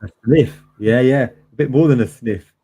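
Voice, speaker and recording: A man with a medium-pitched voice co-hosts a live sports watchalong. He reacts to the play in a casual, chatty way. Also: normal speed, mellow, husky. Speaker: watchalong co-host. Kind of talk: casual live tennis chat.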